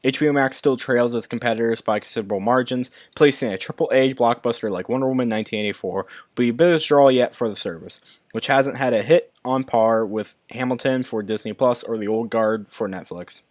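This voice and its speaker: A man's voice: medium pitch, a little fast, no room sound, studio quality. A young man hosting a live stream, reading movie news articles aloud and commenting, often stumbling and restarting words. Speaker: YouTube movie news host.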